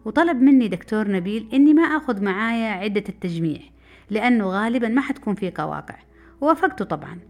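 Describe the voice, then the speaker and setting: A middle-aged Saudi woman with a mid-range voice recounts a personal memoir story briskly and with liveliness. Faint music plays in the background.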